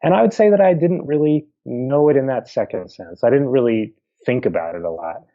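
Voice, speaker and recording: On narrow, tinny audio, a middle-aged man with a Pennsylvania accent speaks in an expressive mid-range voice at a fairly quick clip. He is a historian guest answering interview questions, explaining things thoughtfully and dropping in informal asides.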